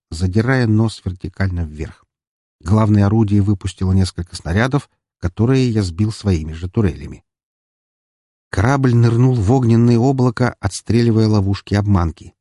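A man narrates an action scene of a sci-fi audiobook in the first person. His voice sits low and mellow, and he reads in a steady, measured way. The close mic sounds dry and without any room. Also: dry recording.

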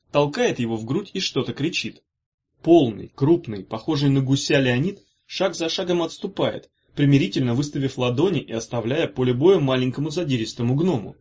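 A man reads a novel aloud with lively, animated intonation. His voice is husky. The recording is dull and lo-fi. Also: medium pitch. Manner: expressive, animated reading. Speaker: audiobook narrator. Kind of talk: scripted narration.

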